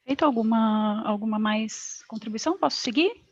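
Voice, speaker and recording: A woman's voice: on the high side, normal speed. A woman moderating a public hearing, reading out questions in a polite, procedural way. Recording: dull lo-fi sound.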